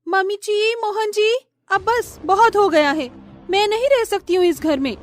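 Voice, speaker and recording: A woman voicing a vain, haughty young daughter-in-law in a storybook tale, who talks in a shrill, sneering, bossy way. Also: animated, a little slow. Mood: shrieking. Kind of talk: storybook voice acting.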